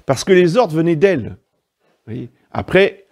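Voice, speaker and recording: Gravelly, lively priest preaching. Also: male voice, on the high side, measured pace. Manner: didactic, emphatic asides, frequent "hein" and "vous voyez". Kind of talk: sermon.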